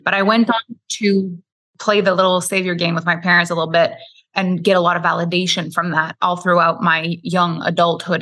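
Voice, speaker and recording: Speaking in a sharp tone with a lowish pitch, this French-speaking woman from Quebec, Canada, recounts her life as a podcast guest. The interview flows openly, full of "like" and "you know."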